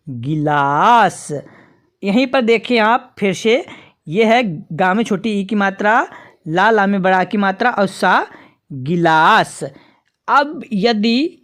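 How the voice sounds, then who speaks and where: A woman teaching a beginners' reading lesson, spelling out words slowly syllable by syllable as the channel's teacher. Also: mid-range voice. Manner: slow, careful, spells out sounds syllable by syllable.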